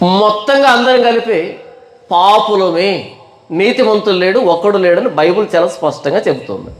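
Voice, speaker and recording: Male pastor, higher voice, sermon with drawn-out emphasis, echoey recording. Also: expressive. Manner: rhetorical questions, drawn-out emphasis. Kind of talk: Bible study sermon. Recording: echoey room.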